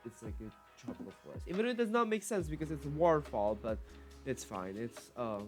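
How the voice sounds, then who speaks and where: A man with a cold-stuffed nose casually chats through a game build for his viewers, correcting himself along the way. His mid-range voice is very animated, a little fast, and somewhat dark in tone. Faint music plays behind him.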